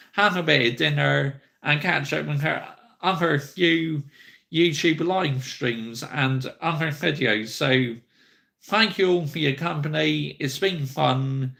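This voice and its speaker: Upbeat gravelly-voiced man in his thirties. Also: a little high. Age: 30s. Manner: upbeat, chatty, repeats stock phrases and shout-outs. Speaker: football YouTuber hosting a live stream. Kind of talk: casual live-stream chat answering viewers.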